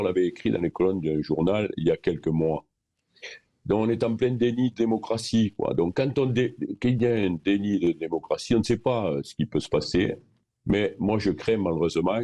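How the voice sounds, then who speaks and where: A man speaking as a guest, a rugby club president, giving earnest, deliberate opinions with some hesitations. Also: low-pitched, dark tone. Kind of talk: phone-in radio interview.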